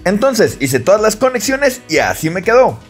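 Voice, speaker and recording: A man narrating a product test in voice-over, brisk and matter-of-fact. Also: high-pitched, big pitch swings, slightly rough. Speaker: product-testing vlogger. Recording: faint music behind.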